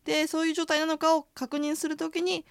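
A woman's voice: fairly quick, vocal fry, no echo, studio quality. A woman teaching a radio language lesson, explaining pronunciation with casual fillers. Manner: explanatory, uses fillers, lively pitch.

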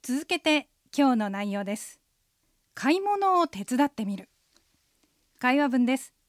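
A woman hosting a radio language lesson, calmly guiding listeners through the phrases. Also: high-pitched, measured pace, dry recording, clean studio sound.

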